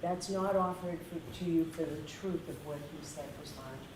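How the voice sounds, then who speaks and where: A woman's voice: low voice, moderate pace. A woman judge giving rulings and instructions in a plain-spoken, procedural way in a courtroom. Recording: echoey, distant, noisy courtroom pickup.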